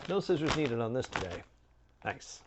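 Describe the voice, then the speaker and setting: A man's voice: mid-range voice, big pitch swings, moderate pace, background noise. A man giving a casual, chatty snack review with wry, joking asides.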